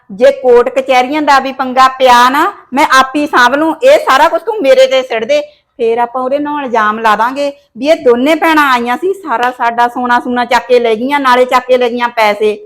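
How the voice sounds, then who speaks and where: A woman's voice: high voice, steady tone, moderate pace, a bit bright. A woman playing a domineering, scheming mother-in-law in a village comedy short film, scolding her son.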